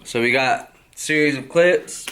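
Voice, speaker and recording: A man who cuts hair walks through a casual tutorial one step at a time. He talks slowly and keeps checking in with a quick "right?". His voice sits at a middling pitch for a man. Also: background noise. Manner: walks through steps, tags lines with "right?". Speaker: barber.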